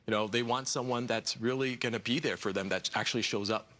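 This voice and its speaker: Brisk and a bit bright in a mid-range voice, an American man in his forties campaigning for Congress answers questions earnestly in a TV news studio. Fillers and repeated words come up often.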